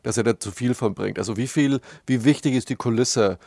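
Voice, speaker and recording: A man hosting a book talk and asking questions. He speaks haltingly and searches for words. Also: medium pitch, gravelly, darkish tone, no echo, studio quality. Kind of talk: casual interview questions.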